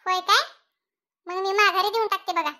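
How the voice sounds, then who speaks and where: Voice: very high voice, steady tone, normal speed, bright, forceful tone, a little hiss or hum, heavily acted. A performer voicing a boastful, bossy middle-aged village wife in a cartoon comedy. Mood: sweet-talking. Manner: bossy, showing off. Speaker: Kamalbai, housewife.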